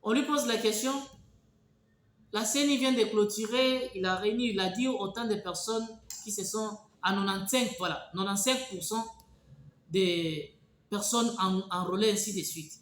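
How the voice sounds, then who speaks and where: A man from the Congo with a Congolese French accent, giving emphatic spoken political commentary and telling stories with halting restarts. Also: high voice, fairly bright tone, roomy sound.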